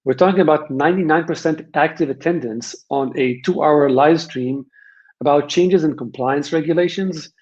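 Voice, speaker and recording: A man's voice: on the high side, normal speed, a little mellow. Israeli-accented man presenting, slightly dull audio. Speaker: webinar presenter from a software vendor. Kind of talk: conversational webinar presentation. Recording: dull, band-limited webinar audio.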